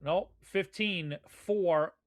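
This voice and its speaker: A man's voice: high-pitched, extremely slow. A man giving live darts commentary in a conversational, folksy way. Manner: conversational, folksy turns of phrase.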